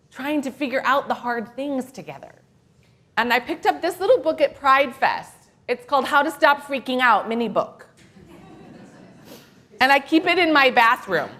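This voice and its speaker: Leading the children's time during worship in a church sanctuary, a female minister engages the kids through questions and soft encouragement. She sounds playful and animated, her voice high and light.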